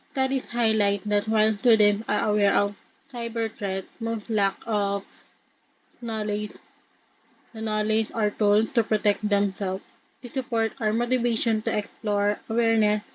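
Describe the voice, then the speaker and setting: A woman's voice: medium pitch, muffled recording. A young woman reading out an academic research presentation as a student presenter. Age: young adult.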